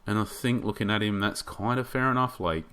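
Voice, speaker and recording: A man with a lowish, somewhat bright voice gives brisk, casual game commentary. He thinks aloud and rambles with hesitations as his voice grows hoarse.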